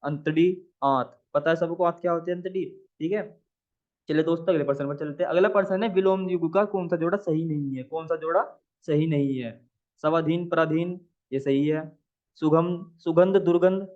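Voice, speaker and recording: A man teaching an exam practice lesson in a somewhat high voice. He asks each question aloud, answers it himself and repeats the answer again and again. The sound is thin and tinny, like a phone line. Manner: asks the viewer questions, then answers them. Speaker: Hindi exam tutor.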